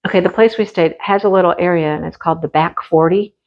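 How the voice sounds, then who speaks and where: A Michigan woman, her voice fading, runs casual show-and-tell chat on her craft channel and gushes often about things she adores. Her voice is lowish, with fairly even intonation, and she talks fast. The recording has its highs cut off.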